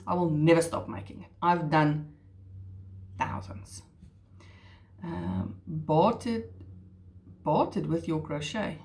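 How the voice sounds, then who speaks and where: Hosting her crochet channel in casual chat, a middle-aged woman who speaks Afrikaans sounds medium-pitched and darkish, joking at her own expense and stumbling into hesitant restarts.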